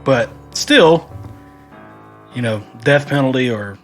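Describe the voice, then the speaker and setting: A man's voice: medium pitch, animated, slow. Podcast co-host, man, easygoing and jokey, faint guitar bed. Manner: jokey, laughing narration of case details. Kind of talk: casual true crime podcast chat.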